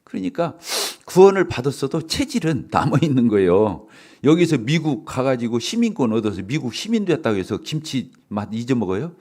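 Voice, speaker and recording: A middle-aged male pastor giving a sermon in a church, animated, asking the congregation questions and laughing often. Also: mid-range voice, moderate pace, few pauses. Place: church sanctuary.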